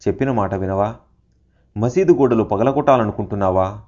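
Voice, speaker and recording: A man voicing an old holy man who is quick to anger but tender underneath, with a scolding, shouting way of talking. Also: on the low side, lightly acted. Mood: angry scolding. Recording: dull lo-fi recording.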